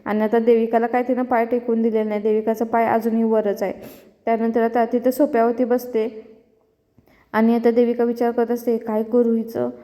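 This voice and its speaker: A woman casually retelling a serial episode in a lively storytelling manner, recorded in an echoey room. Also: a little high, fairly quick. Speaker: serial recap narrator.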